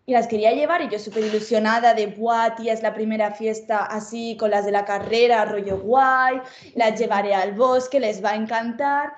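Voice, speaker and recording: A woman's voice: fairly high pitch, reverberant, highs cut off. A young woman telling a funny story in casual chat, acting out her own quotes.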